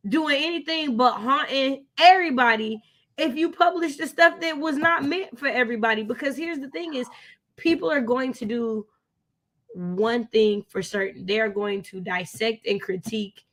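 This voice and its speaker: Her pitch sits fairly high, with a somewhat bright tone and an ordinary pace. She's an American co-host on a live readalong discussion, talking books in a casual, opinionated way and stressing her views by saying things more than once.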